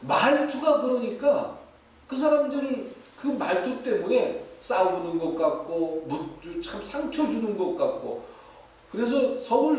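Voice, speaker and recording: Animated male pastor preaching in an echoey church. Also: high voice. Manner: animated, playful, mimics dialect phrases. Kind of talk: sermon. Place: church sanctuary. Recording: echoey, distant, faint hiss.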